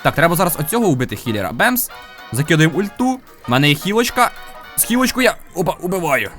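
A man's voice: fairly high pitch, very animated, quick pace, fairly bright tone, faint music behind. A man giving playful, upbeat live gameplay commentary as a gaming video host, dropping in sound-effect interjections.

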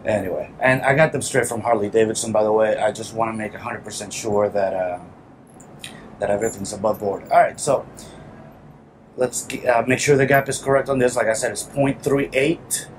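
A fairly low-pitched man, probably in his thirties, talks briskly with fairly even intonation. He's a motorcycle vlogger hosting a casual how-to video from a small garage, speaking informally as he works. Workshop noise is clearly audible throughout.

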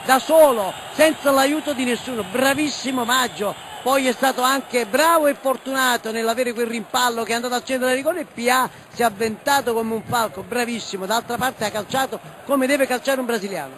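A man co-commentating on a football match, giving excited, effusive analysis and repeating himself with enthusiasm. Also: very high-pitched, fairly quick, few pauses. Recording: TV broadcast with clear background stadium noise.

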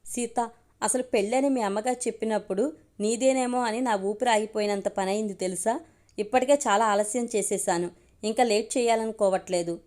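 A woman's voice: on the high side, fairly even intonation, moderate pace, a little mellow, lightly acted. A woman reading as a young man in love. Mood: earnest. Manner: earnest, pleading. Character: young man in love, hesitant then eager.

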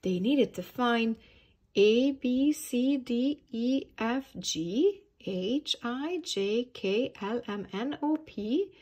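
A woman reading a children's picture book aloud at storytime, pausing to ask the young listeners questions. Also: on the high side, animated, darkish tone. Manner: slow, sing-song, asks the young listeners questions. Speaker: early years storytime reader.

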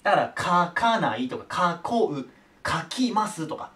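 A man teaching a grammar lesson at a whiteboard, chatty and animated, talking to viewers as his students. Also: high-pitched, measured pace.

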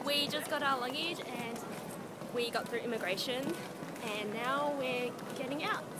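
A woman's voice: high voice, normal speed. A young woman chatting casually as she narrates her travel vlog. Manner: chatty, narrating what's happening. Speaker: vlogger. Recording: distant mic over loud airplane and street noise.

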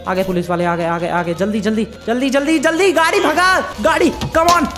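A man giving excited gameplay commentary, exclaiming and repeating words as he plays. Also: very high voice, moderate pace, soft background music. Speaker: gaming YouTuber.

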